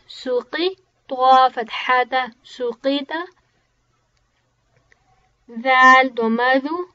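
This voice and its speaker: A woman's voice: high voice, sharp tone, dull audio. A woman teaching Quran reading, spelling out each letter and vowel sign and then joining the syllables, with short explanations in simple English. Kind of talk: slow spelled-out recitation lesson.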